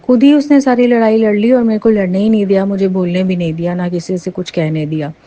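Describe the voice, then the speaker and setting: Woman, middle-aged, mellow warm voice, earnest devotional testimony, excited storytelling. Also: mid-range voice, fast talker. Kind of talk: spoken personal testimony.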